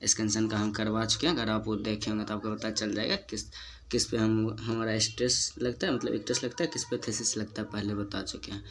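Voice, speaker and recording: A man's voice: on the low side, flat delivery, a little fast, slight background noise. A man with a Hindi accent teaching English phonetics, repeating example words and checking in with his students. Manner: repeats each example word and checks in with "ठीक ना". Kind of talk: whiteboard lesson explaining rules.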